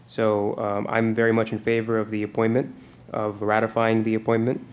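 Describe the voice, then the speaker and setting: A man's voice: fairly low pitch, flat delivery, moderate pace, a little mellow. A man speaking as a mayor chairing a formal public meeting, heard over a meeting room microphone. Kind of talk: formal meeting procedure and remarks. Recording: meeting room mic with clear background noise.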